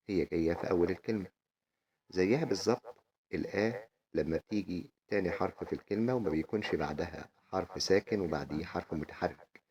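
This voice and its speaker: A man with an Egyptian accent teaching children English letter sounds in a friendly, slow, sing-song way. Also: sits low, muffled recording. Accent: Egyptian Arabic.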